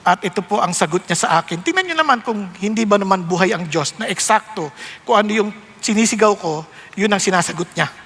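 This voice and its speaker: A male pastor with a Filipino accent preaching a sermon, switching between Tagalog and English and jumping up high for emphasis. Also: expressive, fast, a bit bright, husky, long reverb tail.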